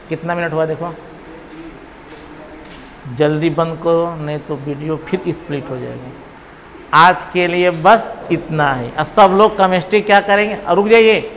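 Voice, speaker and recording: A man teaches a classroom in a high, unhurried voice. He counts out loud, fires questions at the students and teases them playfully. The sound rings with a long hall echo over faint background noise. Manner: teasing, calls students babu, counts aloud, quizzes class. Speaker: chemistry teacher. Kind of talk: classroom lecture.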